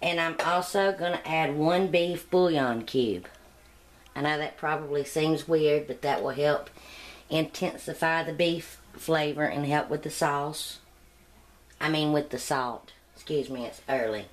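A middle-aged woman who runs a cooking channel chats homily through a demonstration in her home kitchen, full of rambling asides. Her voice sits low and her pace is a little slow. She speaks off camera, picked up by the camera mic.

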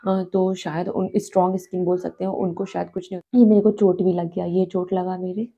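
A woman hosting a casual family vlog from home, talking softly and slowly so she won't wake the sleepers. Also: on the low side, level tone, slightly rough, dull audio. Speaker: family vlogger. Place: home, indoors.

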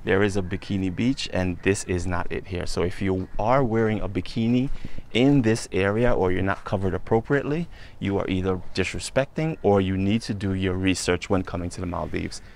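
A man vlogging outdoors as he walks, pointing out sights in a relaxed, conversational way. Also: low voice, fairly quick, vocal fry, slight background noise. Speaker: travel vlogger. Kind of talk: casual walking tour narration. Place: outdoors on a hot island street.

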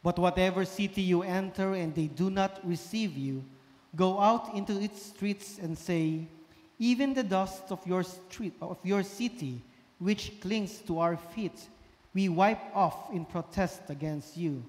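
A man serving as priest, reading the gospel at Mass in a measured, solemn way, his voice carrying a cathedral echo. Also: high-pitched, darkish tone. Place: large church. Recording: long church reverb.

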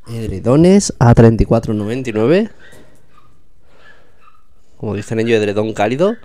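Guy filming store shelves on his phone, chatty, lively up-and-down voice. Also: medium pitch, moderate pace. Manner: chatty, pointing things out to viewers. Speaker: vlogger showing store products. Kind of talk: casual walkthrough narration. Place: indoors in a supermarket aisle.

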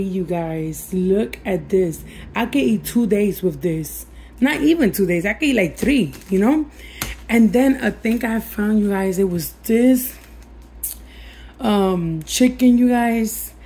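A woman with a raspy, hoarse voice that is giving out, chatting casually and encouragingly to viewers as a budget cooking vlogger. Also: mid-range voice, slow, mellow, slight background noise. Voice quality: raspy, husky, breaking voice. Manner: addresses viewers familiarly, encouraging. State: losing her voice, hoarse. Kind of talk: casual chat to viewers over cooking demonstration. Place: home kitchen.

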